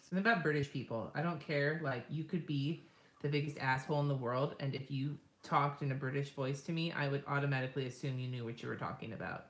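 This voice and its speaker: Very deep and fast-talking, this lettering artist rambles through her live stream as she draws. The chat is casual, full of free swearing and frequent laughter.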